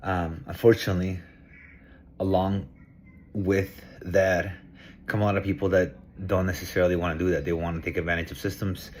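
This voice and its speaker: A man's voice: low-pitched, flat delivery, normal speed, a little hiss or hum. A middle-aged man from Peru, talking to camera in a casual, earnest, reflective monologue. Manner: earnest, reflective, thinking aloud. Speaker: vlogger.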